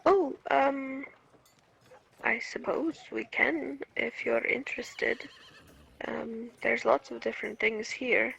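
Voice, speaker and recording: Slow, gravelly-voiced woman player. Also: a little high, fairly even intonation, a bit bright, rough recording. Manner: hesitant and polite, with many fillers. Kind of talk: playing a tabletop game.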